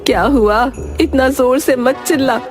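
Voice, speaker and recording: A woman voicing a sharp-tongued, mocking middle-aged mother-in-law in a cartoon story, full of taunts. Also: high voice, a little slow, crowd noise. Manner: taunting, sarcastic jibes. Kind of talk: cartoon voice acting. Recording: voice over background music.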